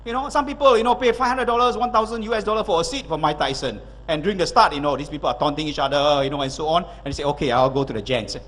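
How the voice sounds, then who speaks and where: A man's voice: sits high, racing, few pauses, a bit bright, big-room sound. A middle-aged man giving an emphatic motivational speech to an audience, full of rhetorical questions. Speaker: motivational speaker and consultant. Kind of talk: public speech.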